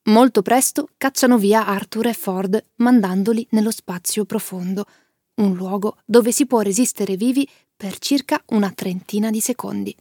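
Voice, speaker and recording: A woman tells and summarises a story in a clear, lively way and turns to the listener now and then. Her voice sits at a middling pitch, recorded close and dry in a quiet room. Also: normal speed, no echo. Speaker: narrator.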